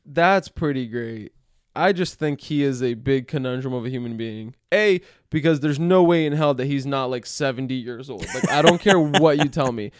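A man co-hosting a casual soccer podcast, animated and swearing freely. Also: medium pitch, moderate pace, no echo. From Brazil. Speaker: podcast co-host. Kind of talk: casual chat.

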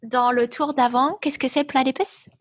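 A woman's voice: sits high, fairly even intonation, moderate pace. A woman teaching a language class over a video call. She is patient and encouraging and slips into English to explain words. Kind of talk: online class, teaching vocabulary.

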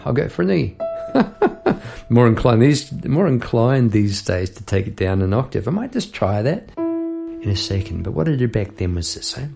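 His medium-pitched voice is sing-song with vocal fry, at a moderate pace. A middle-aged man, he hosts a songwriting podcast, musing casually and warmly with lots of restarts and side thoughts while guitar plays behind him.

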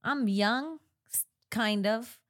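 A woman in her thirties from Florida, hosting a comedy podcast with brash, sarcastic banter. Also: fairly high pitch. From Florida, United States. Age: 30s. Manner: brash, sarcastic, quick jokes. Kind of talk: comedic casual chat.

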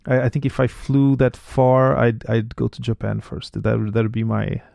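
A man's voice: mid-range voice, completely flat delivery, moderate pace, vocal fry, warm tone, dry recording, studio quality. A man hosting a podcast interview, talking in a casual, hesitant way and often repeating words as he thinks. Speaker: podcast host.

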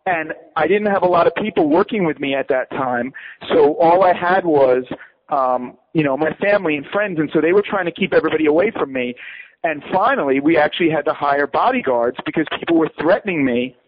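Animated man telling a story, muffled audio. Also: a little high, fairly quick, breathy edge. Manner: quotes others in raised, heated voices. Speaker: poker player and guest.

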